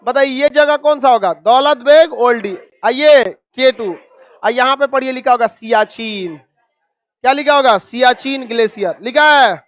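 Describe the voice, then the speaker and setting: A man teaching a classroom map lesson, scolding students and drilling them with quick repeated questions. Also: extremely high pitch, a bit bright. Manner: scolding, calls students donkeys.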